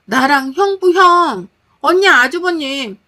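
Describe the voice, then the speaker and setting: A woman's voice: a little high, lively intonation, normal speed. A woman voicing an upset, tearful younger sister, a young woman complaining in exasperation. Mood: indignant.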